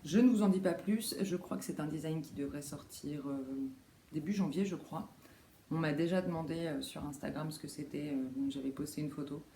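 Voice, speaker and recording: Female knitting vlogger, relaxed and mellow, rambling show-and-tell delivery, roomy home recording. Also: low-pitched, brisk. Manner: rambling, many fillers and self-corrections. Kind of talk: casual show-and-tell chat. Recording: roomy echo, faint background noise.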